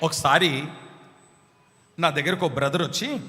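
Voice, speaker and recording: A man preaching a sermon as pastor, emphatic, urging the congregation to answer back louder. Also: on the high side, unhurried, a little hiss or hum. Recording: long hall reverb.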